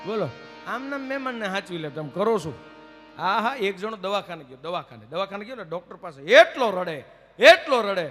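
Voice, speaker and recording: A man tells folk jokes on a stage, his voice pitched high and ringing bright. He swings between quiet asides and loud, drawn-out proclamations. The hall echoes around him, with a faint instrument playing behind. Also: faint music behind. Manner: lively, swings from hushed asides to loud, stretched declamation. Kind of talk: live folk storytelling with jokes. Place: stage at a live temple event.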